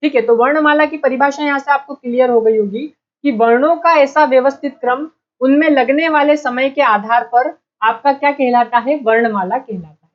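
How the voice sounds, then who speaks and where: A woman's voice: high voice, moderate pace, lo-fi sound. A woman teaching an online exam-prep lesson, repeating key points and quizzing her students with questions she then answers herself.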